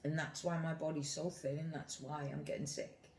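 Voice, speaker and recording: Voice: medium pitch, flat delivery, moderate pace, a little hiss or hum. British vlogger rambling in an echoey room. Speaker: mukbang vlogger. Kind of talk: casual opinionated talk to camera.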